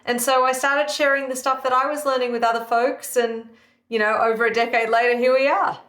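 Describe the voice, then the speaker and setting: In an echoey room, a woman in her thirties with an Australian accent answers interview questions as a guest who cooks over live fire. Her voice is high, steady, and a little bright, and she talks briskly in a chatty, upbeat way full of fillers.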